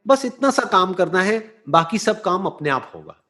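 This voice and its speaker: A motivational speaker with a high-pitched male voice answers a listener, explaining slowly and deliberately. His bright, forceful tone swings widely in pitch, and he checks in rhetorically and slips into English phrases.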